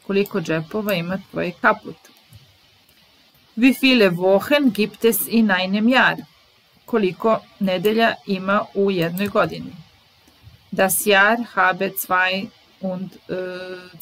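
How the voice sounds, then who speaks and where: Slow, careful woman teaching German words. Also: medium pitch, fairly bright tone, low-quality recording. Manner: reads each German example, translates it, then repeats it. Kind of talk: slow bilingual vocabulary lesson.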